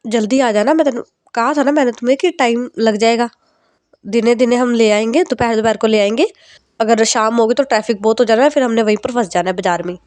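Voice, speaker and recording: A woman's voice: fairly high pitch, a little fast, darkish tone, dry recording, natural voice. A woman voicing a nagging middle-aged mother, insistent and scolding. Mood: pushy.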